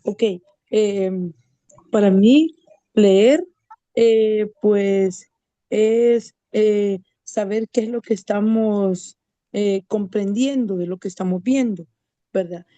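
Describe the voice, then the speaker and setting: A woman's voice: mid-range voice, slow pace, mellow, dry recording, highs cut off. Woman, Salvadoran accent, video call answer, hesitant with fillers, dry recording. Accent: Salvadoran Spanish. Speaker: teacher of young children.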